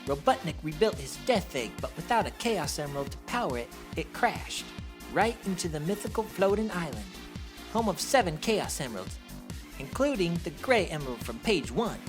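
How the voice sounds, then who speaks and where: A woman's voice: sits low, sing-song, normal speed, music in the background. A woman playing a cocky young male hedgehog hero, narrating a comic dub with casual, wry asides.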